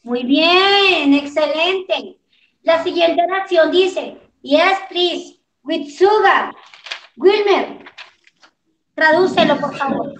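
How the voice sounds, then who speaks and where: A woman teaching an English class, patient and affectionate, repeating prompts slowly for her students. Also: extremely high pitch, a bit bright, slight background noise. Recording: echoey, muffled.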